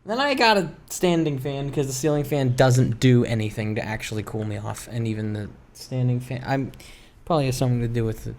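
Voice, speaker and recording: A gaming video creator and streamer chats casually over gameplay in a mid-range, darkish voice, animated and fairly quick. His talk is wry and rambling, hesitant, and full of self-interruptions. It's captured on a streaming microphone in a room at home, with clear background noise.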